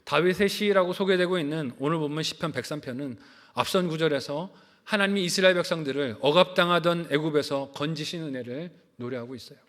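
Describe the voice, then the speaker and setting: A man's voice: fairly high pitch, fast talker, a bit bright. A man preaching a sermon as a pastor, asking the congregation questions and answering them himself. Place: church sanctuary. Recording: reverberant church hall.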